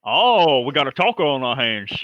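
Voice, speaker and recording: A man's voice: medium pitch, very animated, normal speed, dry recording, dull audio. A man playing a tabletop game, chatting casually in a joking, slangy way and repeating his words. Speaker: player.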